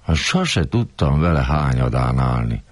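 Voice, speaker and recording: A man's voice: extremely low pitch, sing-song, dry recording. An older man performing a coarse, grumbling, rambling comic monologue.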